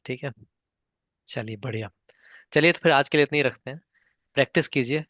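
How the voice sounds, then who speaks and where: A man's voice: mid-range voice, a little fast, fairly bright tone, no room sound, highs cut off. A man teaching a spoken English class online, patiently mixing Hindi and English and coaxing learners by name.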